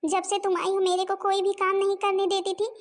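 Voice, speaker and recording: Bossy older mother-in-law, voiced by a woman, high-pitched, scolds and complains. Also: monotone, brisk. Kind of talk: cartoon voice acting.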